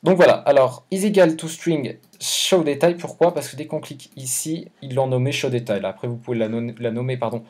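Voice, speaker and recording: A man's voice: medium pitch, fairly even intonation, brisk, few pauses, a little mellow. A man hosting a casual coding tutorial, thinking aloud with hesitations and self-corrections in an informal, slangy way. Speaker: YouTube tutorial host.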